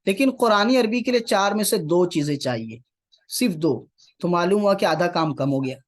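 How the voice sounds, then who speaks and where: A man's voice: high-pitched, lively intonation. A man teaching Quranic Arabic, repeating key phrases and putting rhetorical questions to his class. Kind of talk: classroom lecture.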